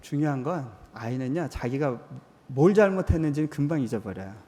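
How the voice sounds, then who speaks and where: A man's voice: medium pitch, lively intonation, fairly quick. A man in his forties preaching a sermon in a church hall, telling personal stories in a conversational way. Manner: conversational, acts out quoted voices, drops soft for tender moments. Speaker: missionary preacher. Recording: long hall reverb.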